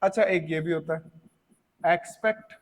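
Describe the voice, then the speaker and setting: A man with an Indian accent teaching English vocabulary, explaining in Hindi, reading English examples slowly and asking his students rhetorical questions. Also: on the high side. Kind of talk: classroom lesson. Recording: long reverb, echoey classroom.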